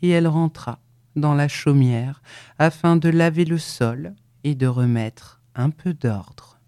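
A narrator reading a classic literary story aloud in a measured, expressive way. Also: medium pitch.

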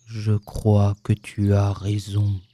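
A woman voicing a gloomy old grey male donkey in a storybook reading, speaking slowly in a low, sombre, sighing voice. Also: lively intonation, dark tone, dry recording, heavily acted.

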